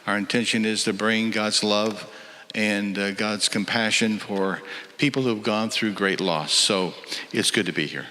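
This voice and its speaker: Give me a calm mission worker with a very deep voice, measured speech, played back in an echoey hall. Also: male voice. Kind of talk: documentary interview clip. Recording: echoey hall playback with music.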